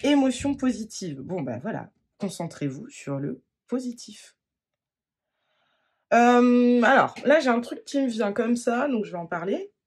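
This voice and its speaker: Husky tarot card reader, gentle and halting, lots of restarts, mid-pitched voice. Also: very animated. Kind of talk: spontaneous card-reading monologue.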